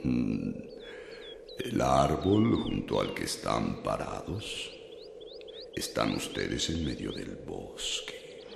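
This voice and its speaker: A man playing an ancient, dying talking pine tree in a children's audio drama, ponderous and gravelly. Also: big pitch swings, slow, loud music behind the voice, heavily acted. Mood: slow, weary. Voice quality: deep, gravelly.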